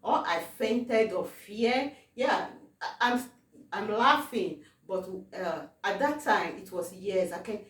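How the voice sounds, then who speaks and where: A woman from Africa telling a personal testimony, halting, with many fillers and repeated words. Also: medium pitch, animated. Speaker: testimony vlogger. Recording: roomy, distant from the mic.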